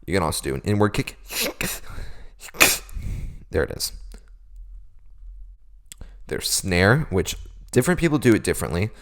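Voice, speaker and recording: Young man, very low voice, lively intonation, casual beatbox tutorial, self-deprecating. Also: unhurried, pauses often. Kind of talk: casual vocal technique tutorial.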